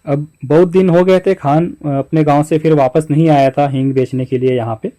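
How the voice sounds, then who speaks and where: A man's voice: fairly high pitch, fairly even intonation, normal speed, mellow, a little hiss or hum. A male teacher reading a story chapter aloud and explaining it to students in plain words. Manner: reads text aloud, then explains it in simple everyday words.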